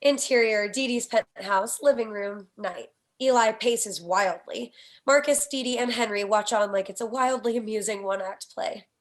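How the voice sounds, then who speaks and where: A woman reading a screenplay's stage directions and scene headings aloud at a table read, brisk and even. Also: fairly high pitch.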